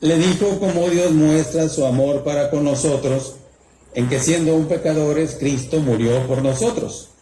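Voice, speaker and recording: A man's voice: a little high, steady tone, unhurried, warm tone. A man preaching a campfire sermon, telling a story and asking rhetorical questions. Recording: roomy echo, faint background noise.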